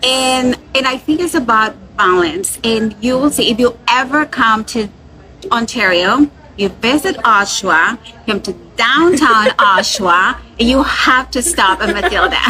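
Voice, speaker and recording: A woman's voice: fairly high pitch, expressive, measured pace, bright, forceful tone, low-quality recording. A woman dietitian hosting a casual chat in a restaurant, enthusiastic and upbeat. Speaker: dietitian and host.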